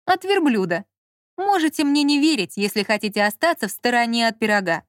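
A woman's voice: a little high, expressive, fairly quick, dry recording, studio quality, close to an everyday voice. A woman voicing a brash young male schemer, cocky and offhand on the phone.

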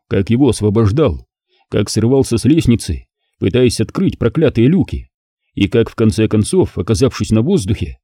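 A man narrating an audiobook in the first person with an expressive reading. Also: mid-range voice, no room sound, studio quality.

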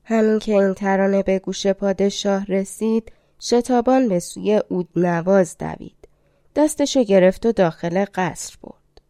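A woman narrating a fairy-tale audiobook in an even, measured reading. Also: mid-range voice, no room sound, studio quality. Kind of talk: storybook narration.

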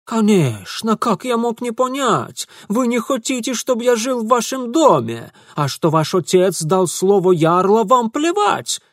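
A loud, self-righteous young man, as a male narrator puts him on, his voice pitched high and ringing with contempt as he scolds. The delivery is dry and close, swinging widely up and down in a storybook reading. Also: sing-song, measured pace, few pauses, no echo, heavily acted. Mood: accusing. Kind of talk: audiobook character voicing.

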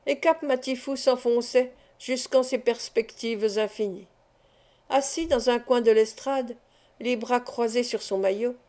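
Mellow-voiced woman reading a novel aloud. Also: on the high side. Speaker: audiobook narrator. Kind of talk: expressive audiobook reading.

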